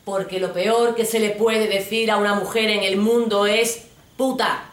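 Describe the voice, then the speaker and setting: A woman's voice: mid-range voice, fairly even intonation, moderate pace, recorded from a distance. A woman performing a comic theatre monologue, frank and ironic as she speaks straight to her audience. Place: theatre stage. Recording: roomy live stage recording from afar.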